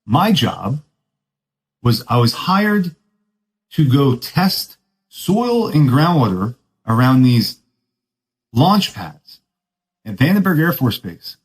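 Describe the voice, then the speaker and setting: A podcast host with a medium-pitched voice tells a rambling story slowly, with big pitch swings and long pauses, on a rough recording. He speaks in laid-back surfer talk, keeps saying "dude," mocks himself, and laughs often.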